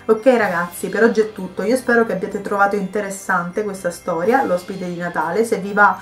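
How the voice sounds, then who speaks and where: A woman reading a Christmas story aloud as a storyteller, in a calm, measured way. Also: medium pitch. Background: soft background music.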